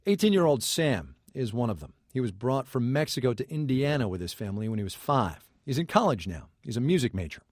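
Lively male radio host, dry studio sound. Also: mid-range voice, no room sound. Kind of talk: scripted host introduction.

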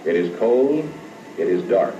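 A man's voice from an old newsreel, booming through a dramatic announcer read that swoops up and down. The sound is dull and lo-fi, coming from a distance in a roomy space. Music plays faintly beneath it. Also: big pitch swings, unhurried, warm tone, slight background noise. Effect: old newsreel played back in a museum.

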